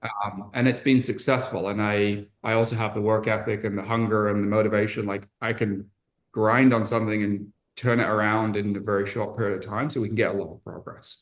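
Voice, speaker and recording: A man's voice: on the low side, level tone, a little fast. A man from England, a podcast guest and entrepreneur, speaking candidly and reflectively in casual conversation, with frequent fillers and restarts.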